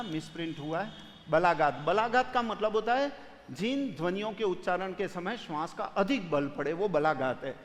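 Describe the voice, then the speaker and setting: A man's voice: high-pitched, in a large hall. A man teaching grammar for an exam, explaining step by step and putting students' questions to himself. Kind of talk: exam-prep lecture solving questions.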